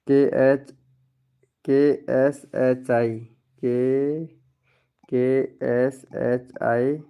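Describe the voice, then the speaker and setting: A man chatting casually with viewers on a live stream, slowly reading out their names and IDs. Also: medium pitch, level tone, warm tone, smooth.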